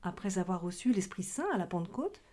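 A very animated woman with a mellow, medium-pitched voice moves at a brisk pace. As a catechism teacher, she leads a children's religion lesson in dialogue form, asking and answering questions in simple terms.

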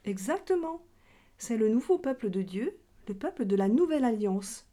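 In a children's religion lesson set up as a question-and-answer dialogue, a woman catechism teacher explains things plainly for young listeners. Her voice is slightly high and dark-toned, with big swings in pitch and a moderate pace.

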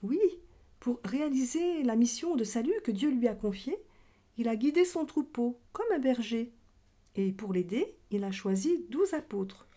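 Speaking at a normal speed, the catechism teacher has a mellow, animated voice on the high side. She explains things simply, as though to children, during a religion lesson built around questions and answers.

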